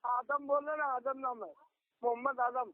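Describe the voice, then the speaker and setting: A man with a high voice answers evasively and haltingly, going back over the same words again and again. He comes through a thin, tinny phone-like line. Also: flat delivery. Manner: halting, evasive, repeats himself. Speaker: debate opponent. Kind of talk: heated online debate.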